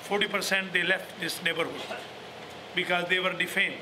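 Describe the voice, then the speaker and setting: A man's voice: high voice, fairly even intonation, normal speed, background noise. A man leading a small mosque, welcoming visitors and speaking formally and earnestly in non-native phrasing.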